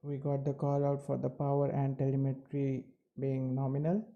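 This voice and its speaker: A man giving live technical commentary as a launch webcast host, with halting, measured phrasing. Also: mid-range voice, completely flat delivery, dull audio.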